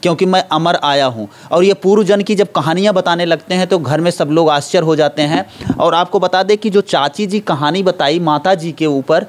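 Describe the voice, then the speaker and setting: A man's voice: fairly high pitch, normal speed. A male local news reporter interviewing a family and explaining their story straight to viewers. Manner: plain explanatory, addresses viewers directly.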